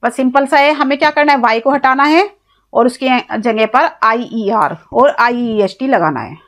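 A woman with an Indian accent and a fairly high voice speaks at a normal speed while teaching an English grammar lesson in classroom style. Her approach is step by step, with words spelled out letter by letter and self-answered questions.

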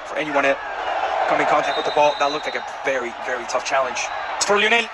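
A man doing live play-by-play football commentary in an excited manner, shouting players' names and goals. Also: medium pitch, quick pace. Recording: loud stadium crowd noise behind voice. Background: roaring football crowd.

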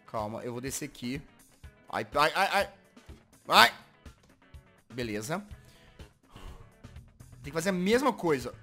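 Excitable Brazilian gamer, bright and lively. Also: male voice, on the high side, a little slow, long pauses, soft background music. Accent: Brazilian Portuguese. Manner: excitable, swings from muttering to frustrated yelling. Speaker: gaming video host. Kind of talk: Minecraft parkour gameplay commentary.

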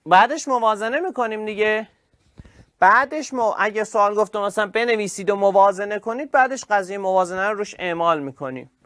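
A man teaching an online chemistry class, lively and praising his students by name. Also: high-pitched, no room sound, studio quality.

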